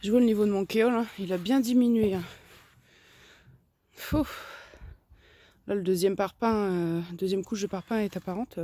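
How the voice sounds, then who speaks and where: A woman's voice: mid-range voice, steady tone, normal speed, long pauses, dark tone, no room sound. A woman casually explaining her chicken coop and garden work outdoors, chatty and step by step, with many tag questions. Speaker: vlogger keeping chickens and a garden.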